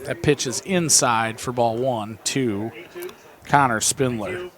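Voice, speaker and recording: A man with an American Midwest accent calling a local baseball game play-by-play, chatty and reading viewer texts between pitches. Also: takes it slowly, fairly bright tone, faint music behind. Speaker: play-by-play announcer.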